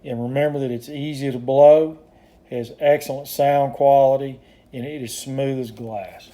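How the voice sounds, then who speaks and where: Man with a very dark, mellow voice. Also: mid-range voice, fairly even intonation, a little hiss or hum. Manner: plainspoken, folksy, unhurried explaining. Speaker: duck call maker demonstrating his product. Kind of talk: casual product demonstration.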